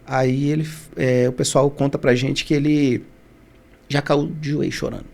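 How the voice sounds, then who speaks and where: A man's voice: mid-range voice, little pitch movement, moderate pace, vocal fry, darkish tone. A Brazilian man, a guest on a podcast, telling a personal story with emotion, often restarting his sentences and acting out the voices of the people in it. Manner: emotional retelling, many restarts, acts out quoted voices. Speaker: podcast guest, barbershop founder.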